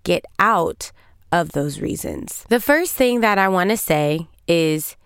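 A woman's voice: fairly low pitch, lively intonation, slow pace, a bit bright, clear, resonant tone, no echo, studio quality. A woman in her thirties hosting a podcast as a business coach, giving motivational talk full of rhetorical questions.

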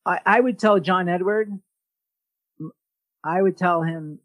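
A man hosting a podcast, giving an energetic motivational talk and often restarting his sentences. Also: high-pitched, takes it slowly, dry recording, poor audio. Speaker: podcast host.

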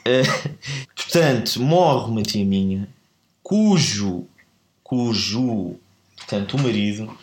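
A man's voice: on the low side, animated, takes it slowly, long pauses, echoey room. A man with a European Portuguese accent, telling a story in casual chat, rambling and often correcting himself. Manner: rambling, self-correcting, laughs at own mix-ups.

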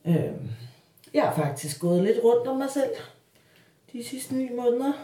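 Slightly high, animated, dark and a bit rough, the voice belongs to a middle-aged woman from Denmark hosting her own audio diary podcast. She narrates slowly and reflectively, hesitating, poking fun at herself and using many fillers, while her handheld mic pops on P sounds.

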